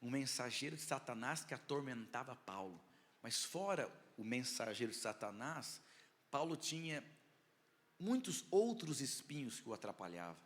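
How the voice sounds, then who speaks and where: A Brazilian man preaching a sermon with personal testimony as a pastor, with slightly tongue-tied articulation and an emphatic delivery full of dramatic pauses and swells. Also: medium pitch, sing-song. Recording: echoey hall with long reverb.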